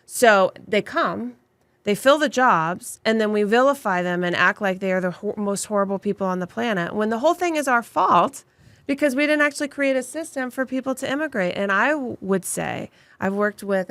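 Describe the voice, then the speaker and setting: The interviewee is a woman immigration attorney and law firm owner with a medium-pitched, slightly bright voice marked by vocal fry, recorded without echo. Her answers are passionate and emphatic, built from long lists of points.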